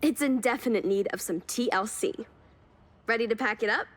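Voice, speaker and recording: In scripted game cutscenes, a woman plays a cheerful car-hunting companion who loves cars and cheers the player on, delivered in a lightly acted, eager, chatty manner. Her pitch is fairly high and her pace normal, with a friendly, upbeat feel. Background noise and music sit under the voice.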